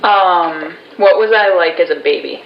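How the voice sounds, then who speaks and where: A young woman interviewing her parents with calm, plain questions. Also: fairly low pitch, unhurried. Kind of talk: casual recorded family interview. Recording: roomy, dull, faint hiss.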